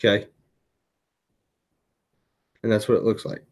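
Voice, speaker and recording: Late at night, a weary eBay reseller vlogger talks through his sold items while hiccuping. His fairly low, darkish voice stays monotone at a measured pace, and his chatty delivery keeps restarting with fillers and self-corrections.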